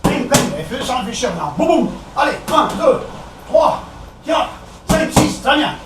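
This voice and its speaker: High-voiced French boxing coach calling punches. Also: male voice, very animated. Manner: brisk, counting and calling out punches. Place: echoey boxing gym. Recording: echoey gym, distant camera, background noise.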